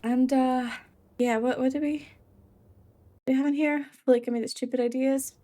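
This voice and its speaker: A young woman talks her way through a building game in a loose, rambling way, laughing often and joking at her own expense. She sounds worn out, and her voice sits a little high for a woman. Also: steady tone, moderate pace, dark tone, dry recording. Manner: giggly, rambling and self-deprecating. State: tired. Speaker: Minecraft let's play creator. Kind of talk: casual gameplay commentary.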